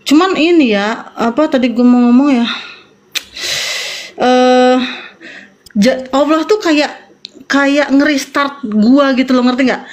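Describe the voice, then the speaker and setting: A woman's voice: sits high, slow, long pauses, a little mellow. A woman, a guest in a casual chat, telling a personal story in slangy talk and often repeating herself.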